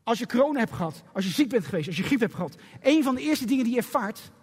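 A man's voice: very high voice, big pitch swings, fast talker, husky. A middle-aged man preaching a sermon as a pastor, emphatic and full of rhetorical questions. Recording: echoey hall with faint music.

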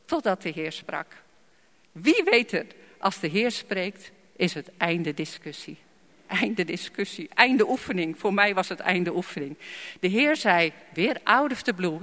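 A woman's voice: medium pitch, a bit bright. A woman preaching a sermon and telling her own testimony, emphatic, repeating phrases and asking the audience to respond. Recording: long hall reverb.

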